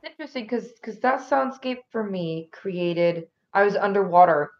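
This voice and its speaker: A woman's voice: medium pitch, lively intonation, moderate pace, lo-fi sound. A woman in a casual discussion, describing her impressions thoughtfully.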